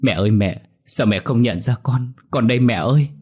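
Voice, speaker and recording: A man's voice: sits low, a little fast, a little mellow, husky. A man voicing a young woman possessed by a dead man's spirit, wailing and pleading.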